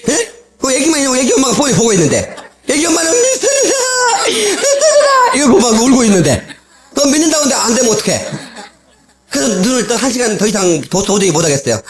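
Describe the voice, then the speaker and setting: Animated pastor telling testimony on old tape. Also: male voice, extremely high pitch, fast, a loud crowd. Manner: animated storytelling, acting out quoted voices, frequent laughter. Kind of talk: sermon with personal testimony. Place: church sanctuary. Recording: old cassette tape sermon recording with congregation audible.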